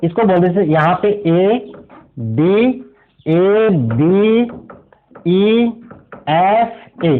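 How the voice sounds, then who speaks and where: A man with a high voice teaching an exam revision lesson in physics. He walks through each step and keeps asking the class questions he answers himself. The sound is thin and tinny, like a phone line. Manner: explains step by step, poses rhetorical questions to students. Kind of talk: exam revision lecture at a board.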